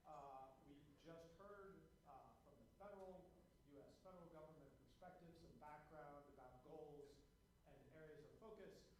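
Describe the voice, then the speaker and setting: A man moderating a workshop session, introducing the next speaker with many pauses and "uh"s. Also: fairly high pitch. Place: conference room. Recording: very roomy, with room noise.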